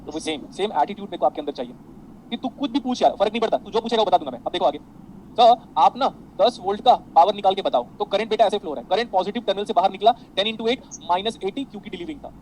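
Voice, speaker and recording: A man's voice: sits high, fast talker, a little mellow, a little hiss or hum, poor audio. A man teaching a physics class online, chatty and digressive, mixing Hindi with English and calling his students beta.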